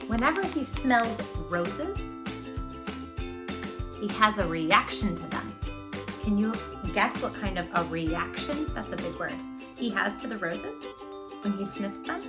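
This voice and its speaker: Over music, a woman with a mid-range, expressive voice hosts a children's storytime, reading a picture book aloud a little slowly and pausing often. She reads with feeling and speaks effusively and directly to her young listeners.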